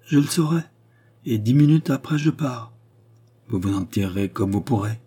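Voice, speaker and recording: Shrewd scheming countess, read by a man; clipped, brutal, peremptory; husky dark tone for an audiobook. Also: medium pitch, animated, normal speed. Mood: commanding. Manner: sharp, peremptory, brutally blunt.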